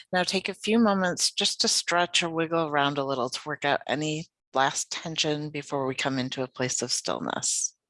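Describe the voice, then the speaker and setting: A yoga nidra guide leads a guided meditation, gentle, soothing, and unhurried. The voice is medium in pitch, and the recording is dry.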